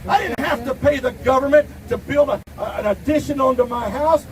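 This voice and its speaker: A middle-aged man from Ohio giving a defiant rally speech outdoors, shouting at times. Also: very high voice, a little fast. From Ohio, USA. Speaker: rally speaker. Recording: distant mic, crowd and street noise.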